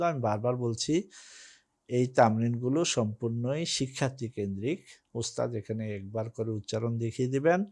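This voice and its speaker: A man's voice: medium pitch, a little mellow. A man teaching an Arabic grammar lesson, reciting drill forms in a rhythmic chant that rises at the start of each list and falls at its end. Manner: rising on each list opening, dropping at list ends.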